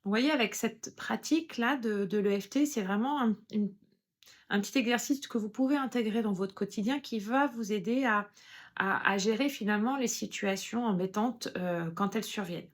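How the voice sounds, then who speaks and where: Calm woman guiding an EFT tapping round. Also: medium pitch, moderate pace. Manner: calm explanatory, with hesitations. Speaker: EFT practitioner. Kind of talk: guided self-help demonstration.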